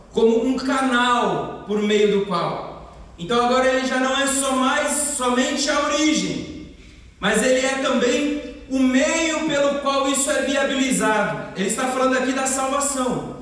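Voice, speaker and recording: Very high-pitched and a bit bright, this man's voice carries the Brazilian Portuguese accent of the São Paulo interior. Delivering an expository sermon, he rises to emphatic proclamations. A far-off mic captures him in an echoey church hall where faint noise can be heard.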